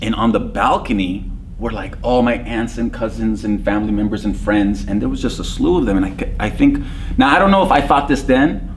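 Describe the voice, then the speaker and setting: A man's voice: fairly low pitch, brisk, slight background noise. A man in his thirties, born in Lebanon, guest on a podcast, telling stories in a joking, laughing way. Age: 30s. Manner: jokey, storytelling, laughs often. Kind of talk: casual interview chat.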